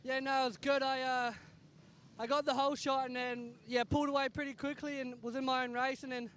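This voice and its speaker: Very high-voiced male racer, noisy trackside. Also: flat delivery, a little fast, a bit bright. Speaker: motocross racer being interviewed. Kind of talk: casual post-race interview. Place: outdoors at a race track. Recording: clear trackside engine and ambient noise.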